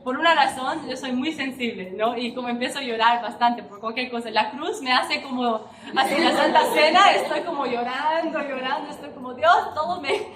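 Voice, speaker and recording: A woman's voice: high-pitched, moderate pace, crowd noise. A young woman giving an informal, emotional sermon at a women's church gathering, chatty and full of tag questions. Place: church hall. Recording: echoey church hall, distant mic, background noise.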